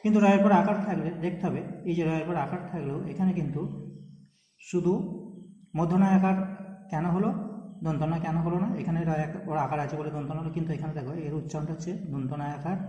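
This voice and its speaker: A man's voice: fairly high pitch, quick pace, dark tone, highs cut off. A man teaching a grammar lesson. He keeps checking in with his students and draws out and repeats words to show how they are said. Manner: checks in often with questions to students. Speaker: Sanskrit teacher. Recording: echoey room with long reverb.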